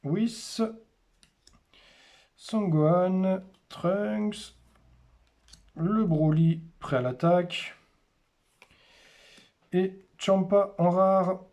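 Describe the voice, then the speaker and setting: Male host, casual unboxing commentary, slow delivery, names items one by one. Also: high voice, darkish tone. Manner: names cards one by one in short, unhurried remarks. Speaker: host opening a card display.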